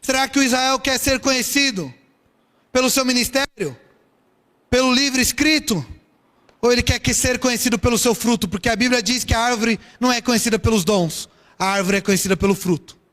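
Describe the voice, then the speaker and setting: High-voiced preacher in a reverberant hall. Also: male voice. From São Paulo, Brazil. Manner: lively storytelling preaching with rhetorical questions. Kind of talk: sermon.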